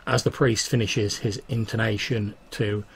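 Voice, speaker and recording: A man acting as game master, narrating a tabletop game in a halting, improvised way. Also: fairly low pitch, fairly even intonation, vocal fry, slightly rough.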